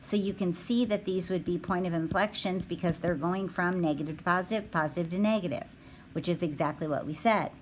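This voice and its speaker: A woman teaching a recorded math lesson, talking her students through the steps out loud with frequent ums. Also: fairly low pitch, brisk, a little hiss or hum, low-quality recording. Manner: thinking aloud with frequent ums.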